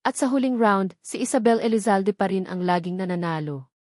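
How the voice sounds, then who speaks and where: A woman narrates a dramatic tale in scripted storytelling style, her middle-pitched voice fairly quick with a darkish tone. The recording is dry, with very little room sound.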